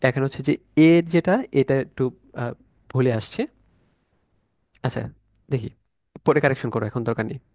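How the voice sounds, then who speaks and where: Guy teaching online from slides, spells out letters and sounds slow, casual with lots of fillers, middle pitch, dry close sound. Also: darkish tone, dry recording. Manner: casual, thinks aloud with fillers. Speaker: German language teacher.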